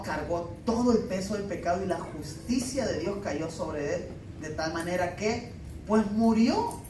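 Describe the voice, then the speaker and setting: A male pastor, preaching emphatically and mixing in homey humor and family stories. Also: high-pitched. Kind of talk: sermon. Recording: echoey room, mic at a distance, faint background noise.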